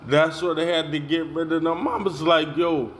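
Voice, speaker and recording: A man's voice: a little high, little pitch movement, normal speed, a little hiss or hum. A young man telling a heated story about being pushed out of a job, in a casual rant full of slang and repeated "yo". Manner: heated, repetitive, street slang, says "yo" a lot.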